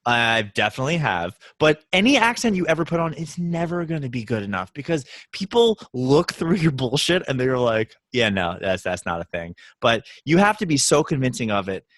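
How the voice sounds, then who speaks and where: A man's voice: fairly high pitch, brisk, few pauses, dry recording. A man in his thirties with a Baltimore accent, co-hosting a podcast in casual, rambling chat. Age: 30s. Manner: animated storytelling, rambling with restarts. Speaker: podcast co-host.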